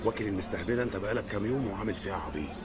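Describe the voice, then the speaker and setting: An actor with an Egyptian accent playing a bullying street informant who curses and threatens. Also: male voice, lowish voice, expressive, very fast, very noisy, close to an everyday voice. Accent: Egyptian Arabic. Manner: gruff, cursing. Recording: loud street ambience.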